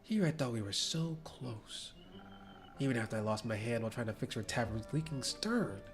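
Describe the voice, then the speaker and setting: A man's voice: medium pitch, lively intonation, moderate pace, over music, lightly acted. A man voicing a brash one-armed woman in a pirate drawl, sly and joking, reading game lines aloud. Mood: teasing.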